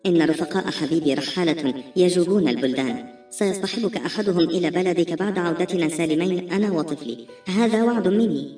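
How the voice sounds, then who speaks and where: A woman's voice: on the low side, fast talker, warm tone, reverberant, natural voice. A woman reading the part of a desperate pregnant young woman who pleads earnestly, heard from a distance with faint music. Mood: pleading.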